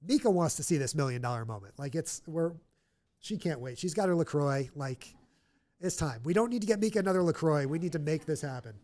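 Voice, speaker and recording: A man with a nasal, somewhat high voice hosts a live charity stream from a stadium event room, chatting upbeat to fill time. He's expressive and fairly quick, with a slightly mellow quality.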